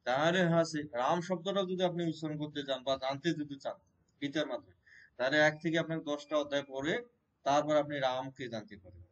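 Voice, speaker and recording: Male Gita teacher, fairly high voice, patient questioning delivery at a temple class. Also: low-quality recording. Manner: explains by questioning listeners, repeats and restarts. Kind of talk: devotional scripture class. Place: Shiva temple gathering.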